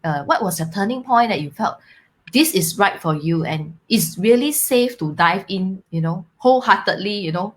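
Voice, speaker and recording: Singaporean woman hosting a chat, bouncy pitch, lots of mm and okay. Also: lively intonation, moderate pace. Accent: Singaporean English. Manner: attentive, lots of hmm and okay. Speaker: host. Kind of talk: casual interview chat.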